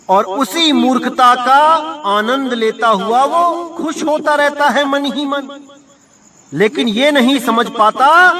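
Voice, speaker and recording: Speaking as a spiritual teacher, a man delivers a devotional sermon, slowly chanting verses before explaining them and addressing his listeners as brother. His voice is very high, bright and forceful, and he sits far from the mic.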